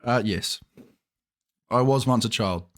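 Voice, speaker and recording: A man co-hosting a casual podcast, joking in a dry, deadpan way. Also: mid-range voice, slow. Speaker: podcast co-host. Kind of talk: casual chat.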